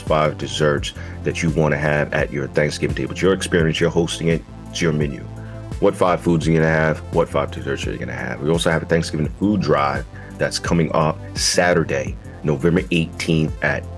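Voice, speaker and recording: A man with a low, froggy voice, croaky as if just out of bed, hosts a podcast in a loose, slangy way. He speaks directly to his audience, with music playing behind him. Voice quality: croaky, froggy early-morning voice. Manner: informal, slangy, addresses listeners directly. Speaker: podcast host. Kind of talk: casual video podcast monologue with slang.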